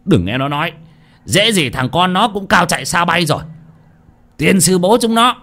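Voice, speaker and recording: A man's voice: very high-pitched, animated, normal speed, pitched above the performer's own voice, heavily acted. Man doing a cursing enraged old villager. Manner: shouting curses. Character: furious old village man, grieving father.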